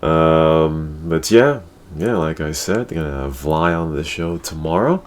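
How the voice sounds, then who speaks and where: The gaming talk show host's rumbling low voice is expressive and unhurried as he speaks crudely in slang and keeps repeating his catchphrases. The recording is clear, with some background noise.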